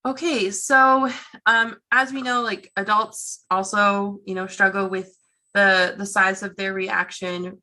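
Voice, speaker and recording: A woman's voice: medium pitch, bright, forceful tone. A woman presenting an online workshop over a video call, chatty and encouraging with many fillers. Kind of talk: online teaching session.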